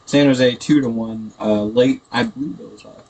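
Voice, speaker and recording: A man's voice: medium pitch, steady tone, moderate pace, a little mellow. A man giving casual, hesitant, rambling gameplay commentary, sounding tinny and echoey through a built-in computer microphone. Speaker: gaming video host. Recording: tinny echoey computer mic, background noise.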